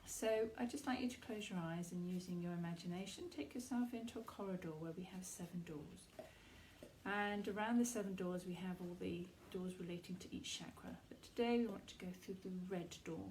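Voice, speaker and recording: With a fairly low-pitched voice, a woman leads a guided meditation, her soft instructions slow, soothing and reassuring, with pauses between phrases. A little hiss or hum runs through the low-quality recording.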